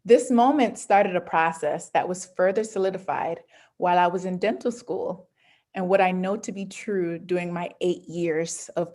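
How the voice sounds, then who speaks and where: Born in Jamaica and raised in Georgia, USA, this pediatric dentist has a lowish, darkish voice. As a guest speaker in a prepared, interactive online presentation, she addresses listeners emphatically and directly. Her audio comes through a computer on a video call.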